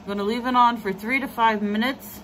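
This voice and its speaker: A woman's voice: a little high, fairly even intonation, fairly quick, a bit bright, poor audio. Woman talking through a face mask. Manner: chatty, self-mocking. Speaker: beauty vlogger. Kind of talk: casual product review. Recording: faint air conditioner hum. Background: air conditioner hum.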